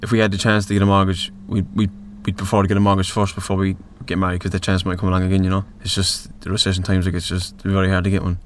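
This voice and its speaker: Fast-talking man, low voice. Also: monotone, slight background noise. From Ireland. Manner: rapid, repeats words when searching. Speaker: interviewee. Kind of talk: casual interview answers.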